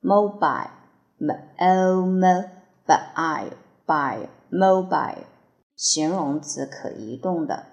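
A woman's voice: deep voice, lively intonation, very slow, creaky, lo-fi sound. A woman teacher reading English vocabulary for dictation, spelling and repeating each word before giving its meanings.

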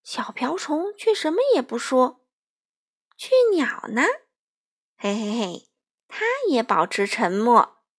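A woman reading a children's storybook aloud, gently and expressively, addressing young listeners. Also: on the high side, big pitch swings, unhurried, breathy edge.

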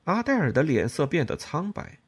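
A man reads a novel aloud in a dramatic, expressive way. His voice is husky, and his pitch rises and falls widely as he tells the story. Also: normal speed. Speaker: audiobook reader. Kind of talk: scripted novel narration.

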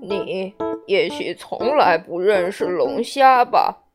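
A woman voicing a slow, mournful mock turtle. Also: medium pitch, animated, voice pushed down. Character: sad slow-talking male mock turtle. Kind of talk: children's storybook reading. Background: soft music.

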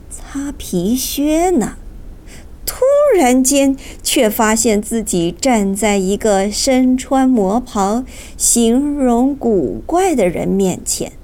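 A woman narrating a children's audiobook in an expressive, storytelling manner, addressing young listeners. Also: a little high.

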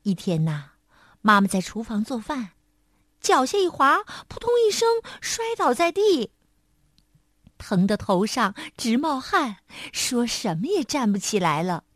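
A woman storyteller narrating a children's story, sing-song and expressive, speaking to little listeners. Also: on the high side, unhurried, no echo, studio quality.

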